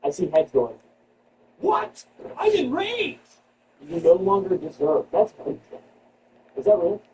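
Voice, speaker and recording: A man hosting a comedy show, riffing sarcastically on news items and jumping into high mock-outraged squeals. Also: normal speed. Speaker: comedy podcast host. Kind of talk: comedic news riff with retakes. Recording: distant mic with background noise.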